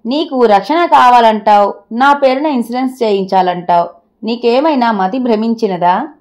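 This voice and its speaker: A woman's voice: on the high side, darkish tone, natural voice. A woman voicing an anxious, bewildered husband in a storybook reading. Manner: anxious rapid questioning.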